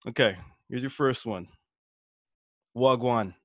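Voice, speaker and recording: A man's voice: medium pitch, lively intonation, moderate pace, fairly bright tone, no room sound. A man co-hosting a podcast in a casual, laid-back chat, laughing easily as he quizzes his guest. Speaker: podcast co-host.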